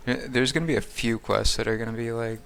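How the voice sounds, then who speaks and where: A man's voice: medium pitch, fairly even intonation, fast, creaky, a bit bright, slight background noise. A man streaming a game live, rambling casually and thinking aloud with lots of fillers. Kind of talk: casual live-stream commentary while playing.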